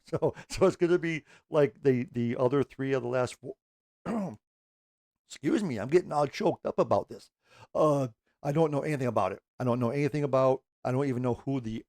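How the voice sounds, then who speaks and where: A man's voice: medium pitch, a little mellow, no echo. Middle-aged guy rambling to camera, mid voice, dry close sound, loose and casual. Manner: rambling, self-correcting, swears casually, talks with his hands. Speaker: music reaction channel host.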